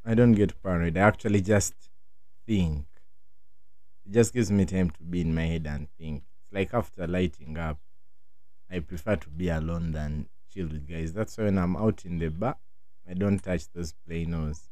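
A young man with a deep voice chats casually. He states his views in thick urban slang, recorded close with no room sound. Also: moderate pace, a little mellow, dry recording. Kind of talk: casual chat.

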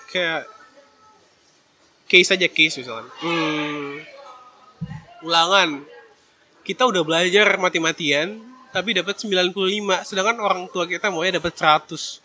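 High, bright-voiced young-sounding man advising. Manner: chatty, slangy, drops in English phrases. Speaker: vlogger giving advice. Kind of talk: casual advice talk to viewers.

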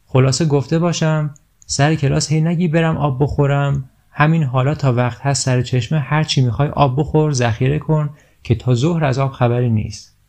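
A man's voice: medium pitch, steady tone, a little mellow, voice pushed up, lightly acted. A man doing a stern village schoolteacher. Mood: scolding. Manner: firm, instructing. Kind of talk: storybook reading.

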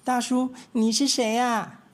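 A man's voice: very high voice, flat delivery, slow, voice pushed up. A man voicing three small, eager little mice in a children's storybook reading, with chirpy, cheerful questions.

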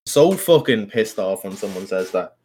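A man's voice: lowish voice, sing-song, normal speed, a little mellow, a little hiss or hum. A young man with an Irish accent hosting a casual solo podcast, rambling informally and self-consciously with plenty of swearing. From Ireland. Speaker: podcast host.

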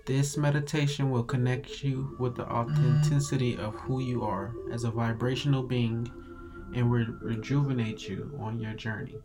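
A man narrating a guided meditation in a calm, soothing, measured meditative tone. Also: mid-range voice, poor audio. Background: music.

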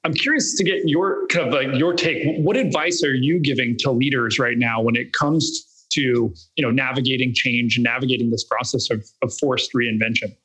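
A man's voice: mid-range voice, steady tone, moderate pace, hardly any pauses, fairly bright tone, low-quality recording. Conversational male co-host asking questions. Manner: conversational, uses "right?" and "you know". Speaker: podcast co-host. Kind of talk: interview questions.

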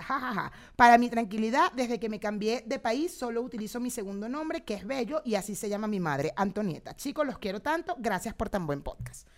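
A woman co-hosting a podcast, chatting casually and laughing often. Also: fairly high pitch. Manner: laughs often, bursts into playful singing. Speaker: podcast co-host. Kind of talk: casual chat.

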